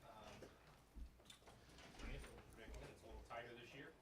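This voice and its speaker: A man's voice: medium pitch, fairly even intonation, brisk. A man, a downtown business liaison, plainly explaining a grant to a town council with some fillers. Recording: echoey room, far from mic, loud background noise.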